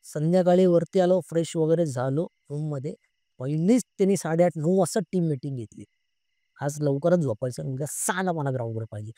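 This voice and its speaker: A man in his thirties tells his own story in a chatty way, acting out his friends' lines and often dropping to a hush. His voice sits fairly high but sounds mellow and warm. The recording is dry, with almost no room echo. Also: a little fast. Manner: often drops to a hushed, low voice. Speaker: guest telling his own ghost experience. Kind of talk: casual spoken storytelling.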